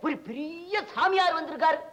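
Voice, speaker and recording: A man's voice: extremely high pitch, normal speed, bright, forceful tone. An actor playing a chatty village man in an old film comedy, hesitant and rambling as he brings news. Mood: eager.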